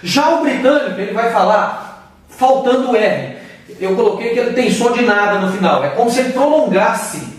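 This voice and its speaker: A Brazilian man gives a casual English pronunciation lesson, his voice sitting high. He explains slowly and pauses to demonstrate sounds. The sound is distant, with heavy room echo around it. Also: expressive. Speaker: English teacher. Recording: very echoey room, far from the mic.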